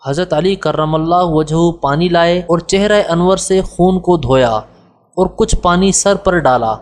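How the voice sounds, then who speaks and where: A man narrating an audiobook of a religious biography in a measured, formal reading voice. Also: sits high. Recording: long reverb.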